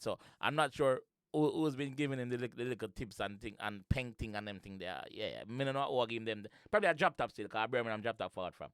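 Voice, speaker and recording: A Jamaican man hosting a reaction video, laughing, swearing and chatting excitedly in a mix of patois and English. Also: medium pitch, clear, resonant tone, dry recording, clean studio sound. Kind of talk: casual reaction commentary.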